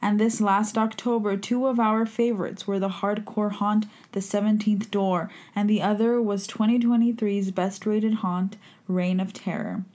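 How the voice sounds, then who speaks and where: A woman's voice: medium pitch, steady tone, moderate pace, darkish tone, lightly acted. A woman playing a playful vampire hostess, presenting a campy horror show in a theatrical, scripted manner. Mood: playful, macabre.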